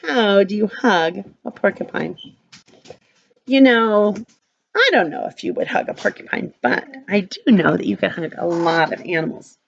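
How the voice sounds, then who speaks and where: Woman talking to toddlers, lively swooping pitch. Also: normal speed, creaky, lo-fi sound, slight background noise. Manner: speaks as if to toddlers, simple repeated phrases and questions. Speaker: early childhood teacher leading circle time. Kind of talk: reading and singing along to young children.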